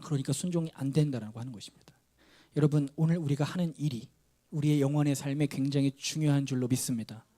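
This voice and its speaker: A man's voice: mid-range voice, fast, warm tone. A man preaching a sermon as pastor, telling a story and acting out its dialogue.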